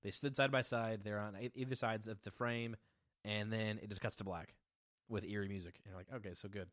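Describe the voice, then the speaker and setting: A man's voice: fairly low pitch, fairly even intonation, a little fast, fairly bright tone, dry recording, studio quality. A man co-hosting a podcast, chatting casually about an episode with joking, teasing banter. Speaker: podcast co-host.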